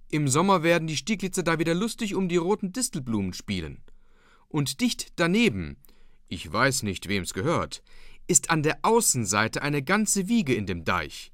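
A man voicing an earnest, persistent young farmhand in an audiobook reading, speaking deliberately. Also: on the high side, a bit bright, dry recording, studio quality, pitched above the performer's own voice.

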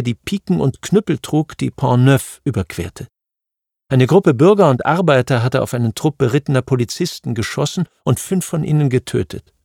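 A man narrating a history audiobook in a measured, even reading. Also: medium pitch, gravelly, no room sound, clean studio sound. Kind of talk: scripted narration of history nonfiction.

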